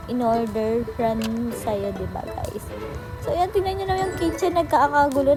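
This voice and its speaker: Chatty high-voiced woman gaming vlogger. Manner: chatty, addresses viewers as guys, exclaims often. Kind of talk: casual game commentary. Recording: music playing behind the voice.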